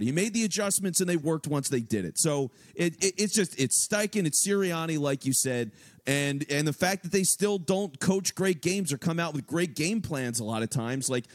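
Animated, high-voiced man talking sports. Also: no echo, clean studio sound. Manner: animated, profane, rambling with restarts. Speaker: sports podcast co-host. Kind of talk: casual sports talk.

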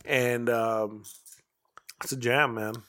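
Man, bright tone, casual podcast co-host, slangy relaxed storytelling. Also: medium pitch, takes it slowly. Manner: laid-back slangy storytelling, swears freely. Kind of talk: casual chat.

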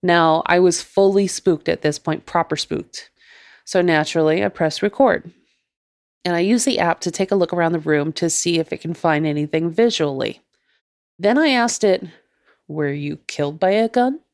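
Low-voiced woman telling a ghost story. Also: no room sound, studio quality. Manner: measured, deliberate storytelling. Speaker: podcast host. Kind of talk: first-person ghost story narration.

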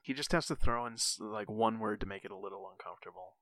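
A man's voice: fairly low pitch, fast talker, a bit bright, no echo. A man co-hosting a podcast in casual chat, loose and jokey, swearing freely. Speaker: podcast co-host.

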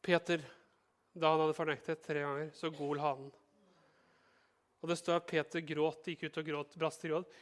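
A male pastor with a fairly high voice preaches in a lively, conversational manner, adding bits of humor and seeming to talk straight to every listener. He pauses often.

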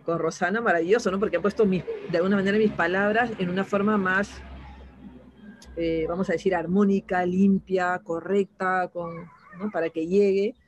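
A woman's voice: fairly low pitch, fairly even intonation, moderate pace, a little hiss or hum. A woman as an interview guest, talking casually and reflectively, often ending phrases with a questioning tag and restarting her sentences. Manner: reflective, frequent "¿no?" tags and restarts.

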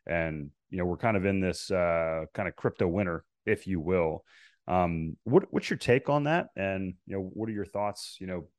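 Deep-voiced podcast host, dry sound. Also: male voice, normal speed, dry recording. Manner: animated, chatty, lots of fillers. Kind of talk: interview hosting.

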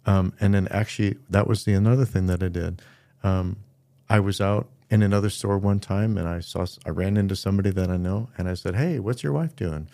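A middle-aged pastor speaks earnestly in a low, gravelly voice, easing into stories and acting out what people said. His tone is dark and mellow. He is recorded dry and close on the mic. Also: level tone, fairly quick, dry recording. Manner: earnest storytelling, acts out quoted voices. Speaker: pastor and podcast co-host. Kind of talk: casual podcast conversation.

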